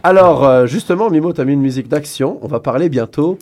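A man's voice: fairly high pitch, fast talker, darkish tone. A man hosting a comedic radio talk show, joking around and reading the news aloud with wry asides.

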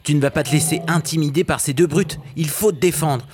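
A small, clever weaver bird chirps out his words in a quick, eager rush, as a man puts him on. The voice sits well above the man's normal register. Storybook music plays underneath. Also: fairly high pitch, voice pushed up, close to an everyday voice. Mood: excited. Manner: excited, eager.

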